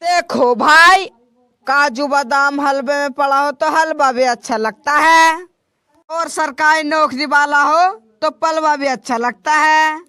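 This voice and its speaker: A man's voice: very high voice, fairly even intonation, slow, bright, forceful tone, no room sound, clean studio sound, heavily acted. A man voicing a female cauliflower, a newly married and breezy vegetable character in a comic sketch.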